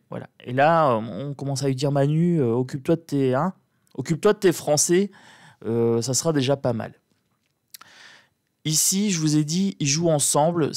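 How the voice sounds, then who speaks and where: A man with a soft, sleepy morning voice, thinking aloud in casual commentary as he reads tarot cards, repeating points for emphasis. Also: fairly high pitch, no echo, studio quality. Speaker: tarot reader commenting on politics. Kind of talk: casual spoken commentary during a card reading.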